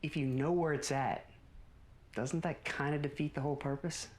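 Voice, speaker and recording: A man playing a calm, dismissive husband of a sleepwalker in naturalistic found-footage horror, casual and placating. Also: fairly high pitch, moderate pace, natural voice.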